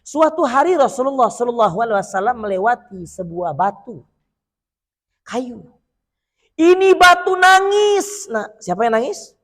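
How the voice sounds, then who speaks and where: A man preaching a sermon to children at an Islamic boarding school, animated, leaving words unfinished for the listeners to complete. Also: very high voice, normal speed. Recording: long hall reverb.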